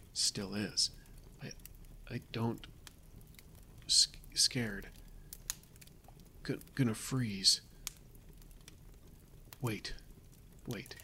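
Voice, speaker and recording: A man voicing a frightened survivor writing his last journal entries, exhausted and cold, halting and correcting himself, sometimes dropping to a whisper. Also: lowish voice, vocal fry, bright, forceful tone, a little hiss or hum, full character voice. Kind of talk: audio drama reading of a survival journal.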